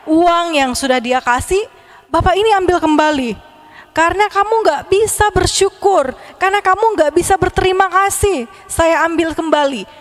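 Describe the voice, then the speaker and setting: A woman voicing a kindly older man in a children's story, coaxing and gentle. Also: extremely high pitch, normal speed. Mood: stern. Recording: echoey hall.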